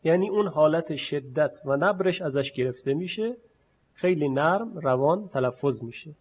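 A man with a slightly high voice teaches a lesson, explaining points patiently and stopping to pronounce examples slowly and carefully. The recording is dull and lo-fi. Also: expressive, breathy edge. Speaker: recitation teacher. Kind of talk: spoken lesson. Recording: muffled lo-fi recording.

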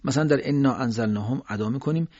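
Man teaching recitation, husky and dry. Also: medium pitch, no room sound, highs cut off. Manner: explains calmly, then slowly chants drawn-out Quranic examples. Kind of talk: tajwid lesson with chanted examples.

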